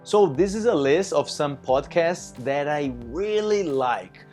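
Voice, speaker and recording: A man's voice: on the high side, lively intonation, takes it slowly, a little mellow, soft background music. A non-native English-speaking man with a Russian accent gives casual, chatty advice, peppered with filler phrases and acted-out bits of dialogue. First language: not English, learned it as a second language. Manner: chatty, frequent "you know", acts out little dialogues. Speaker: language-learning content creator. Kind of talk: casual advice talk to camera.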